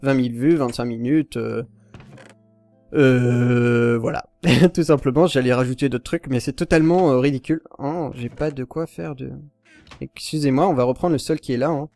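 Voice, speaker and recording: A man's voice: mid-range voice, steady tone, normal speed, a little mellow, no room sound, soft background music. A young man casually commenting on his video game as he plays, rambling and self-correcting, with sudden panicked yelps. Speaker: Minecraft YouTuber.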